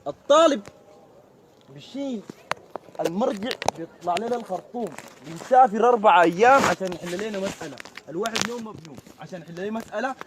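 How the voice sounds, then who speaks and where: A man's voice: sits high, fast, noisy background, natural voice. An actor playing a stern male university lecturer who gives curt orders, with a Sudanese Arabic accent. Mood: scolding.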